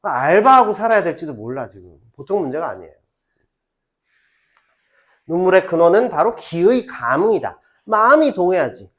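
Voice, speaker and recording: Middle-aged male literature teacher, high and animated, chatty lecture style. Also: normal speed. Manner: animated, chatty asides, acts out quoted lines. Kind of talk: lecture to high school students.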